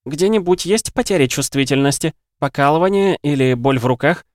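Man putting on a shrill scolding woman doctor. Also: a little fast, no echo, studio quality, natural voice. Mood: brisk. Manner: barking, reprimanding. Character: stern woman doctor, weary, commanding, scolding.

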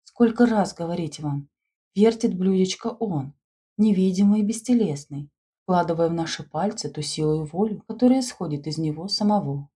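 A woman's voice: fairly low pitch, expressive, normal speed, warm tone, husky. A woman voicing a fervent, commanding schoolgirl who leads a séance and addresses the spirit. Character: exalted schoolgirl leading a séance.

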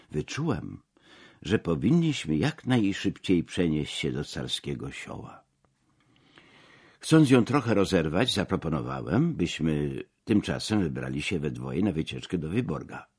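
A man reading a memoir aloud as audiobook narration, measured and expressive. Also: extremely low pitch, breathy edge.

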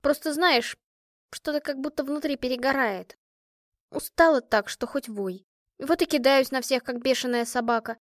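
Lady reading as a burned-out young girl soldier, rough and tearful, pitched up high and loud, dry close sound. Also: normal speed, no echo, lightly acted. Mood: weary bitter. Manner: bitter, tearful, coarse. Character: tired tough orphan girl soldier, young woman.

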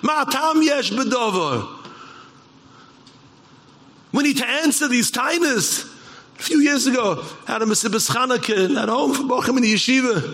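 A man giving a Torah lecture as a rabbi, impassioned and rising to shouts. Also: extremely high pitch, animated, moderate pace, long pauses.

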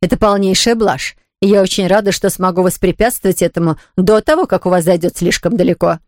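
A woman's voice: on the low side, brisk, a little mellow, no room sound, studio quality, close to an everyday voice. A woman voicing a strict, self-pitying elderly aunt who scolds firmly. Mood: stern. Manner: firm, scolding, categorical.

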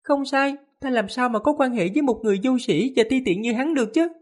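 A man reading a storybook, voicing a proud, cold young sorceress in a high put-on voice. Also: quick pace, darkish tone. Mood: scornful. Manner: haughty and scornful.

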